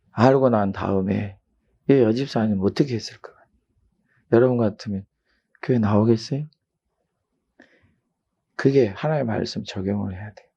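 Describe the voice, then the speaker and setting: A middle-aged male pastor preaching a sermon, telling a story and rising to loud emphatic peaks. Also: lowish voice, vocal fry, husky, lo-fi sound.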